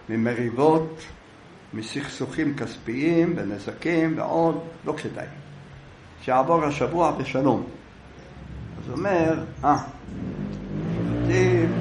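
A man preaches on the weekly Torah portion as an animated storyteller, his voice a touch high. The sound is roomy and echoing, with faint ambience behind him. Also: slight background noise.

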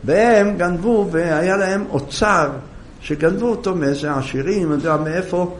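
A man telling a moral story as a sermon, in an animated storytelling manner with a gravelly voice. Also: high-pitched, slight background noise.

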